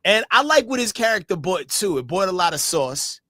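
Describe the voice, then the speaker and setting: A man co-hosting a casual fan podcast, relaxed and joking, heavy on slang. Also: high voice, moderate pace, no room sound, studio quality. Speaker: co-host.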